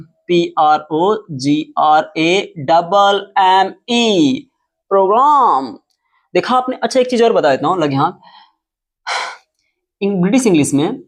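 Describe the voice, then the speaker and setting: A man teaching English at a whiteboard who explains step by step, spells words out letter by letter and repeats them slowly. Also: fairly high pitch. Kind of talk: whiteboard lesson. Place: classroom with whiteboard.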